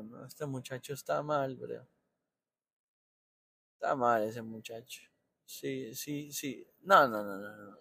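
A man's voice: on the high side, no echo, clean studio sound. A man in his thirties with a Honduran accent, giving an anxious, rambling running commentary from inside his car while waiting in line. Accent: Honduran Spanish. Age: 30s. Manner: rambling, anxious, thinking aloud. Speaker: podcast host.

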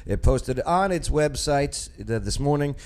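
A man's voice: medium pitch, animated, unhurried. A man with a New York accent hosting casual talk radio, rambling with lots of fillers and restarts. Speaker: radio show host.

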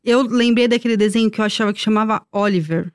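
A woman's voice: medium pitch, fast, clean tone, no room sound, studio quality. A woman, a podcast guest who thinks aloud and hesitates during a movie-quote guessing game.

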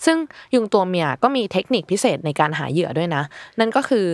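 A woman's voice: on the low side, animated, quick pace, no echo. A woman hosting a casual podcast, chatting and explaining facts with easy laughter. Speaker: host.

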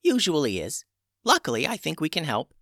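A man voicing an old witch who heals creatures, brisk and matter-of-fact, raising his voice to play her. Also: a little high, huge pitch swings, bright, forceful tone, dry recording, studio quality, voice pushed up, exaggerated voice. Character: wise old witch woman, brisk and unflappable.

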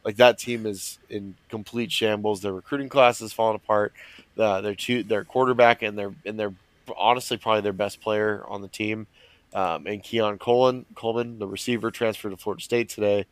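A lowish male voice, clearly congested and nasal, as though he cannot breathe through his nose. He talks casually and emphatically as a sports analyst. The sound is dry, with little room in it. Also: steady tone, fairly quick, no echo. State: congested, stuffed-up nose from allergies.

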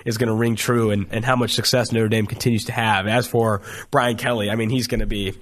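A man co-hosting a sports podcast, talking in a casual, animated way, swearing and laughing at the absurd. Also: fairly low pitch, a little fast. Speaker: podcast co-host.

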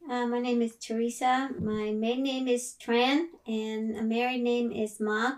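A middle-aged woman who grew up in Vietnam introduces herself hesitantly, with fillers. Her voice is fairly high and sounds somewhat distant from the microphone. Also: little pitch movement, measured pace. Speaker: guest. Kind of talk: casual family interview.

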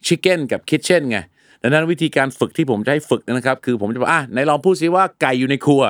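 A man's voice: medium pitch, rapid-fire, no room sound, clean studio sound. A middle-aged man co-hosting a casual podcast as an English teacher, joking through mispronounced words. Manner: jokey, plays on mispronounced words.

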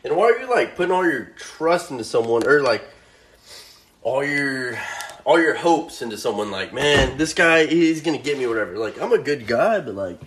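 A young vlogger with a medium-pitched, slightly bright voice tells stories casually while cooking in his home kitchen. He's very animated, rambling, slangy, and laid-back, speaking at normal speed. The kitchen sounds roomy, with a faint frying sizzle.

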